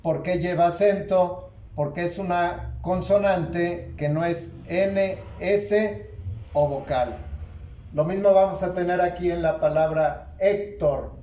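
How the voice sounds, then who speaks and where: A man teaching a spoken grammar lesson, slow and deliberate, asking questions and answering them himself. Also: high voice, warm tone, distant mic, slight background noise. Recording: echoey room, voice from off-mic.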